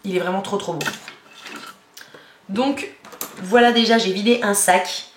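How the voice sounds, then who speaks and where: A young woman beauty vlogger chats casually about gifts in a haul video, rambling, giggling and using lots of fillers. Her voice is mid-range and a little slow, recorded in an echoey room with faint noise.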